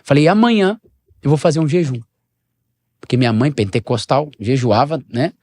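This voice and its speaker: Animated pastor telling a story. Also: male voice, moderate pace, no echo. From Brazil. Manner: animated storyteller, shifts pitch and level, acts out dialogue. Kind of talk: storytelling in a podcast interview.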